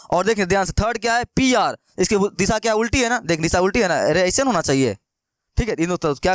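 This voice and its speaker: A man's voice: high voice, a bit bright, smooth, no echo, studio quality. A young man teaching a maths lesson in with a lilt, coaxing and repeating questions to his students. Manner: coaxing, repetitive, keeps asking students questions.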